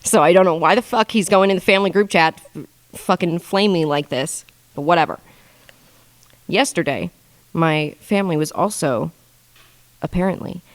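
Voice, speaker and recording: A young woman in her twenties rambles through casual stories on a podcast, swearing freely and keeping a deadpan tone. Her voice sits a little low for a woman. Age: 20s. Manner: profane, rambling, deadpan with bursts of laughter. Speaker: podcast guest. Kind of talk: casual storytelling monologue.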